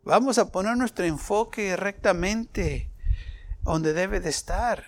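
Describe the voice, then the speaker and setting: A man preaching a sermon, asking his congregation questions and shifting between loud emphasis and softer passages. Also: high-pitched, takes it slowly. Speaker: pastor.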